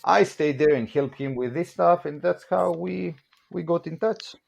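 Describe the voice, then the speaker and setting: This time the Greek-accented man in his forties sounds fairly high, creaky, and a bit mellow at a moderate pace. As a podcast guest who works as a barbell company production manager, he tells casual stories, cracks jokes, laughs a lot, and says "you know" often.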